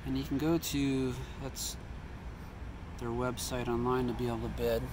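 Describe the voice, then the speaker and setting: A male vlogger gives casual walkaround commentary in an outdoor parking lot, filmed on a handheld phone, with background noise. He thinks aloud and corrects himself. His voice is medium in pitch with little pitch movement, at a moderate pace.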